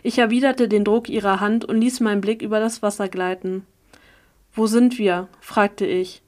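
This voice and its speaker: Female audiobook narrator, first-person story, even and steady, mid-pitched voice. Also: normal speed. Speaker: audiobook reader.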